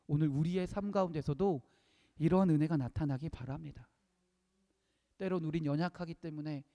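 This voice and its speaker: A man preaching a sermon, emphatic, repeating key phrases and swinging between loud peaks and hushed lines. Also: sits high. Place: church sanctuary. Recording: long reverb of a church hall.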